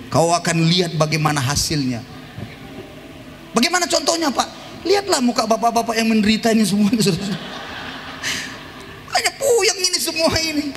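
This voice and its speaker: A male pastor delivering a sermon in a church, swinging from ringing shouts down to hushed, intimate murmurs. His voice sits high for a man. The sound carries a long hall reverb over faint room noise. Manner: impassioned preaching, swinging from shouts to soft murmurs. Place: church sanctuary.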